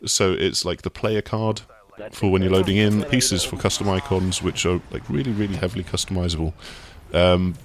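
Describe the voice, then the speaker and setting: Deep-voiced man chatting casually. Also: moderate pace, few pauses. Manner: relaxed, rambling explanations with many fillers and restarts. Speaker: games journalist co-host. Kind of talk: casual gaming discussion.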